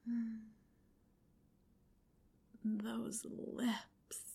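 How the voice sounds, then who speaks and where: A woman's voice: a little high, monotone, very slow, vocal fry, dark tone, slightly rough. A woman in a whispered ASMR roleplay, speaking in an intimate, commanding whisper.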